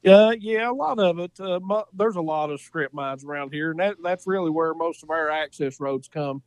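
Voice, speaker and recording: As a podcast guest, this Appalachian-accented coon hunter spins folksy hunting stories in casual talk, repeating phrases to stress them. His fairly high voice is clear and resonant and moves at a normal speed, with no room sound.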